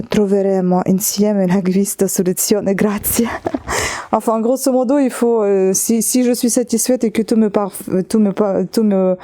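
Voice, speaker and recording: A woman chats through an unboxing on her vlog, speaking to her viewers in a warm, mellow voice. She hesitates often, filling gaps and restarting her sentences as she goes. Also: lowish voice. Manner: chatty, hesitant, many fillers and restarts; talks straight to viewers while handling an object. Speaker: beauty vlogger.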